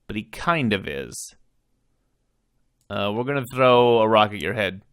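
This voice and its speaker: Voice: mid-range voice, animated, a little slow, a bit bright, smooth. A game player giving casual commentary, musing aloud in a wry way. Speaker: video game player narrating.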